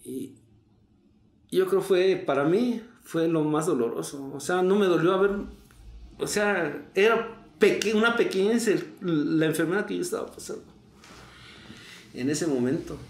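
A middle-aged man with a Mexican accent telling a painful personal story in a halting way, repeating words as he relives it. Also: high-pitched, animated, roomy sound. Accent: Mexican Spanish. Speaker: interview guest. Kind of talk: emotional personal testimony.

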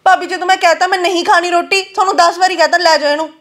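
A woman acts out a defiant young daughter, stubborn and insistent. Her voice is high and she talks fast. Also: natural voice. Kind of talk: rural Punjabi web drama acting.

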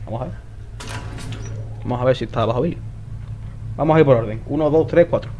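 A man doing casual let's play commentary, talking to himself, swearing often, with sudden excited outbursts. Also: mid-range voice, fast, highs cut off, slight background noise. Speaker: gameplay commentator.

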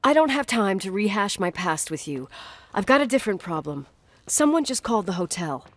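A woman's voice: mid-range voice, very animated, fairly quick, dry recording. A blunt, foul-mouthed young woman. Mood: defensive. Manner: curt and swearing. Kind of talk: video game dialogue.

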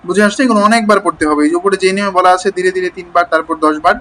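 High-voiced man drilling pronunciation. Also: racing, bright, forceful tone, a little hiss or hum, poor audio. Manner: drills word lists aloud, checks in with listeners. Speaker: pronunciation teacher. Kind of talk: spoken pronunciation lesson.

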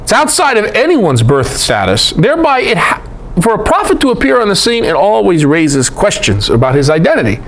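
American male Bible teacher, lecture style, chatty asides, animated pitch, faint background noise. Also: a little fast. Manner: animated, conversational asides to listeners.

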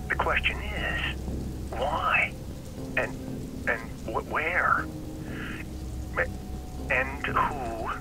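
Game informant: eccentric and jittery, drawn-out halting delivery, loud rain and street noise behind. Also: male voice, a little high, expressive. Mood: conspiratorial. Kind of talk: video game dialogue.

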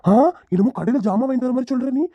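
A woman's voice: sits high, very fast, mellow, husky, no room sound, muffled recording. A woman voicing a worried older man, a father-in-law who pleads and scolds, in a cartoon. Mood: scolding. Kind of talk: cartoon voice acting.

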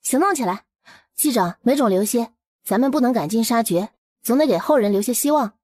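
A woman playing a spirited, practical young heroine in a historical romance drama, brisk and forthright. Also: fairly high pitch, animated, darkish tone, no echo, studio quality. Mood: brisk, confident. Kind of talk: historical audio drama dialogue.

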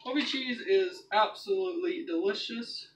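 A man's voice: very high-pitched, normal speed. A young man giving casual, instructive explanations as he cooks at home. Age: young adult. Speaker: home cook demonstrating a recipe. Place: small home kitchen, indoors. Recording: noisy handheld kitchen camera recording.

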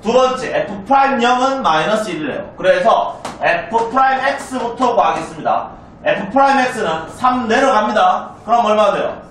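A male math teacher from South Korea lectures his class in a brisk, chatty way, constantly asking students check questions to see if they follow. His high voice is animated and a bit bright. The mic sits far off in a roomy classroom, with a little hiss or hum.

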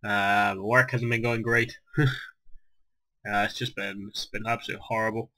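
A young gaming YouTuber rambles through casual gameplay commentary while recovering from a virus that took his voice, putting himself down and filling his talk with fillers and restarts. His voice is low with little pitch movement, a sharp tone and a moderate pace.

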